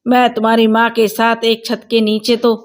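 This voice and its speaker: A woman voicing an angry young wife in a storybook tale, shouting bitter, sarcastic accusations. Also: fairly high pitch, completely flat delivery, normal speed, natural voice.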